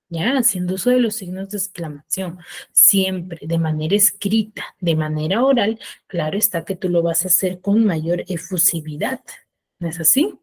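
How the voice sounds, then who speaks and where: A woman teacher giving an online class, explaining step by step and often checking with quick tag questions. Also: fairly low pitch, darkish tone, breathy edge. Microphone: video call.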